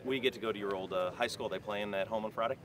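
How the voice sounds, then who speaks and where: A man's voice: fairly low pitch, rapid-fire, fairly bright tone. A man asking casual interview questions as a sports reporter.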